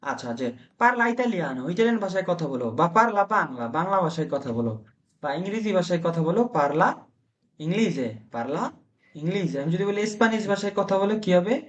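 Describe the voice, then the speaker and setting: Bangla-speaking Italian teacher drilling phrases. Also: male voice, high voice, expressive, highs cut off. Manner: explains slowly, drills phrases with repeats. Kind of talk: online group language lesson.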